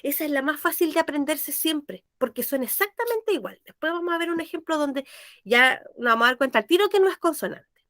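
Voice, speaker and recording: A woman gives a language lesson in a high, lively, brisk voice that is a bit bright. Patient and questioning, she asks her pupils questions and checks that they understand. The recording is close and dry, with no echo or sense of the room.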